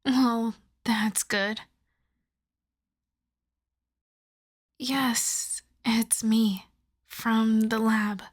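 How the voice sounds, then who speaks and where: In an ASMR roleplay, a woman plays a vampire lab technician who is polite yet coyly obsessive, addressing the listener directly. Her voice sits on the high side with fairly even intonation, and she speaks softly, courteously and in a measured way, often breathily.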